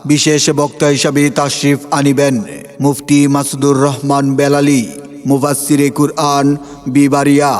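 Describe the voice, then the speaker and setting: A man's voice: fairly high pitch, a little mellow. A Bangladeshi man reading a scripted promotional announcement in a formal, declamatory public-announcement manner. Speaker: event announcer. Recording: echoey hall reverb over music.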